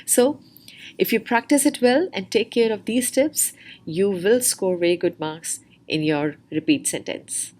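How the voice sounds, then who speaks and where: A woman's voice: medium pitch, measured pace, a little mellow. Woman tutor explaining exam speaking tips. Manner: explains step by step, models stressed words in example sentences. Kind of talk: spoken lesson with exam tips.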